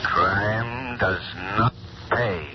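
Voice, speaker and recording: A man playing the Shadow, a sinister unseen avenger with a deep, menacing, echoing laugh, in a 1930s radio drama. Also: very slow, a loud crowd. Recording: muffled 1930s radio recording with music.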